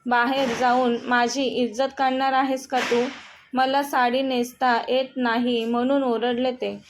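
A woman voicing a timid young wife who speaks slowly through tears. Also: fairly high pitch, level tone, a little hiss or hum, natural voice. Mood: tearful. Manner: sobbing, slow and small-voiced.

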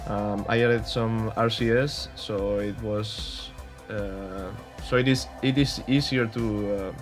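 A fairly low, steady male voice takes its time over music. He's a young Spaniard with a Spanish accent, a gaming YouTuber whose casual commentary on his gameplay stumbles with frequent fillers and restarts.

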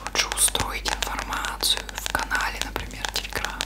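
Female ASMR creator, soft unvoiced whisper throughout, informal show-and-tell delivery, close-miked. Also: normal speed. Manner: informal, loose, thinking aloud.

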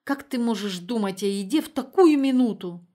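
A woman's voice: fairly high pitch, animated, normal speed, dark tone, pitched above the performer's own voice. Woman playing a theatrical panicky retired mother. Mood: dramatic. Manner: exclamatory, theatrical and rising.

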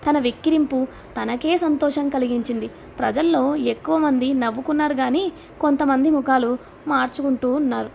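Woman, audiobook narrator, steady storytelling, high voice, gravelly edge. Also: normal speed, a little hiss or hum.

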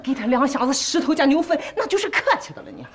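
Cheeky stubborn hoarder, very high bouncy voice, noisy room. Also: female voice, very animated, fast. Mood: teasing. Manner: teasing, stubborn. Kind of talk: TV war drama acting.

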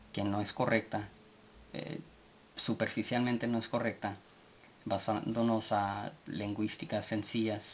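A man giving a spoken language lesson, slowly spelling out words letter by letter with many pauses and fillers. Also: lowish voice. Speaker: language teacher. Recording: dull recording with faint hiss.

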